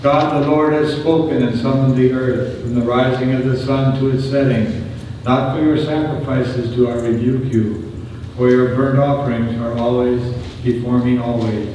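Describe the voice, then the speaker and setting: A man's voice: medium pitch, fairly even intonation, moderate pace. A man reading scripture and psalm verses solemnly as a lector at Mass in a large church. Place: large reverberant church, away from the microphone. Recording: very echoey church, distant, clearly noisy.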